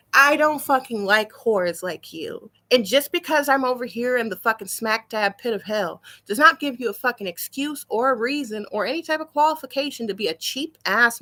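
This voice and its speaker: A woman's voice: fairly high pitch, pushed and bright. A woman delivering an indignant, profanity-filled rant straight to the camera. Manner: swearing, indignant, emphatic. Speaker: vlogger.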